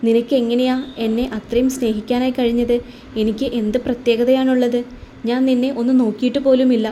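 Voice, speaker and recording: A woman's voice: a little high, level tone, a little fast, dark tone, a little hiss or hum, lightly acted. A woman voicing a young man who teases and needles his wife but turns affectionate. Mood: earnest. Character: teasing young man, caring elder-brother type.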